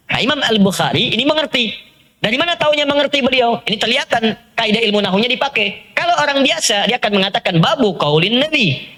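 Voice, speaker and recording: A man delivers a religious lecture in a bright, forward voice. His pitch swings widely as he stresses points and speaks straight to the audience. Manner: animated, addressing the audience directly, sudden high-pitched emphasis. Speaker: Islamic preacher.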